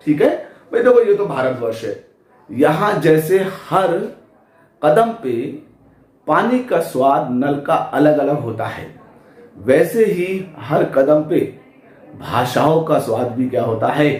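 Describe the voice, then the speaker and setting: A man's voice: a little high, sing-song, takes it slowly, long pauses, darkish tone. A man teaching physics in speech at a board, who asks the class questions and answers them himself. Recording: echoey room.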